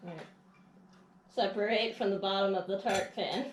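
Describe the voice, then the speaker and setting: A woman in casual chat while eating, relaxed and muttering as she cuts her food. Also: mid-range voice, moderate pace. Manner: relaxed, talks with mouth full, muttering while cutting. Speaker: co-host of a mukbang channel. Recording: roomy kitchen, faint noise.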